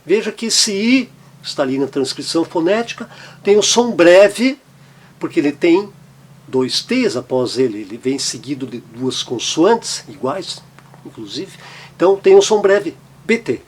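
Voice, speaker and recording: A man teaching a pronunciation lesson, explaining patiently and repeating example words slowly. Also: a little high, big pitch swings, slightly rough. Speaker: German language teacher.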